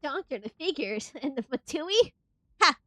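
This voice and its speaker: A woman streaming a game reaction, chatty and excitable, greeting her viewers as she plays. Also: high-pitched, a little slow, dry recording, studio quality. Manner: gushing, excitable, with squeals and laughs.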